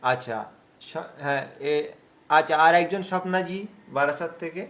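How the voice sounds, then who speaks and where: A man teaching an online recitation class over a video call, patient and explaining slowly, drawing out words as he recites. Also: on the high side, a bit bright.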